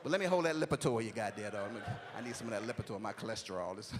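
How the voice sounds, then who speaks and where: A man in his forties does stand-up comedy on a church stage, his voice on the low side, animated and racing over a noisy background. His talk is loose, chatty, and drawling with streetwise phrasing, peppered with a constant "you know what I'm saying."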